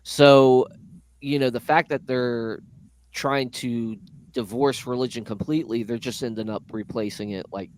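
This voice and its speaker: A man's voice: medium pitch, fairly even intonation, unhurried. Man musing aloud with restarts. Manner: reflective, restarts sentences, fills with "you know" and "I mean". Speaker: panelist on a faith discussion show. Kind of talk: casual discussion.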